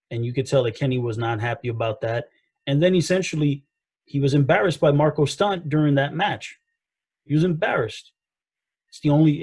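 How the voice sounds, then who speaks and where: Husky, rambling wrestling podcast man. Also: medium pitch, low-quality recording. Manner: animated, full of restarts and acted-out quotes. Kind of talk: casual debate chat.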